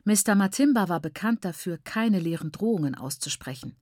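Brief: woman narrator, lowish voice, expressive audiobook reading, dry studio. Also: a little fast, dry recording. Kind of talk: scripted first-person narration.

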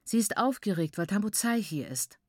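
A woman reading aloud voices a gentle middle-aged mother who speaks calmly and soothingly. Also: medium pitch, moderate pace, dry recording, clean studio sound, natural voice. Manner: calm, soothing.

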